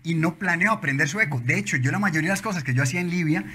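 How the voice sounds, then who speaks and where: Costa rican guy in his 40s, bright forceful voice, talks fast and impulsive, keeps restarting, interview guest in an office lounge. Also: a little high, slightly rough. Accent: Costa Rican Spanish. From Costa Rica. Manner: impulsive, animated storytelling with frequent restarts. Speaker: guest entrepreneur. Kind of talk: casual interview chat. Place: office lounge studio, indoors.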